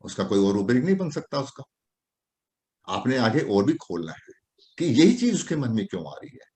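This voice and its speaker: A man teaching homeopathy in a classroom lecture, talking straight to his students in an animated way. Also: medium pitch, normal speed. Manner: animated, addresses students directly. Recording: echoey room.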